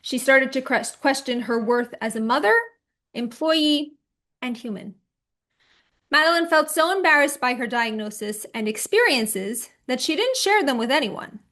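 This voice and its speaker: Female presenter, fairly high voice, warm-conversational workshop delivery on a computer mic. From California. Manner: conversational, reassuring, checks in with listeners. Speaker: psychotherapist and author giving a talk. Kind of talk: online presentation to a support group.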